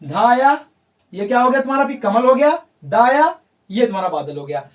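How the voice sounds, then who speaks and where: A male teacher leads a grammar class and quizzes his students as he goes. His pitch swings up and down a lot. He sounds a little far from the mic. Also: very animated, normal speed. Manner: coaxing, repeats points, quizzes students with mock answers.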